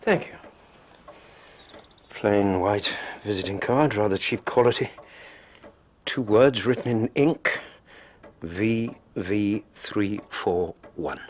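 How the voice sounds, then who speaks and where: Doctor Watson, low-voiced, courteous companion. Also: male voice, slow, long pauses, slight background noise. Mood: attentive, thoughtful. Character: courteous male doctor, a detective's sensible, inquisitive companion. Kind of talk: radio drama acting.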